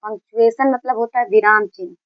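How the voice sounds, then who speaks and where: A woman's voice: on the high side, moderate pace, no echo, dull audio. A woman teaching a grammar lesson, explaining patiently, repeating key points and mixing in English terms.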